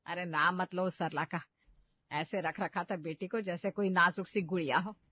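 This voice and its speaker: A woman voicing a short-tempered middle-aged mother-in-law who loudly scolds and insults her daughter-in-law, on a dull lo-fi cartoon track. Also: on the low side, steady tone, moderate pace, natural voice. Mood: scornful. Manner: shouting insults, loud and scolding. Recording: dull, dry lo-fi voice-over.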